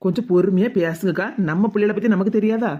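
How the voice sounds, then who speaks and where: A woman voicing a calm, younger neighbor woman in an animated cartoon, advising and soothing in a southern Tamil accent from the Tirunelveli-Kanyakumari area. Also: mid-range voice, quick pace, dull audio, lightly acted. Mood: persuasive. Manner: soothing, persuasive.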